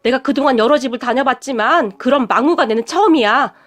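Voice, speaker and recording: Woman doing a tired stubborn middle-aged mom, sighs a lot, high voice. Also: quick pace, a bit bright. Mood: indignant. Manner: sighing, stubborn, indignant. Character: weary, proud middle-aged mother working as housekeeper.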